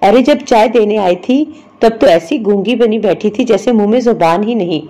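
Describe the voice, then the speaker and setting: A woman's voice: medium pitch, warm tone, natural voice. A woman doing a boastful scolding mother. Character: proud, sharp-tongued middle-aged mother, a woman.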